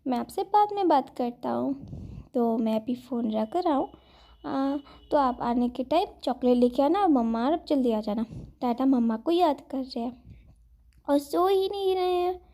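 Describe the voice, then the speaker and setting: A woman's voice: high-pitched, expressive, normal speed, dark tone. A woman voicing a cute, cheeky little boy who chatters sweetly and a bit mischievously in a fan fiction retelling.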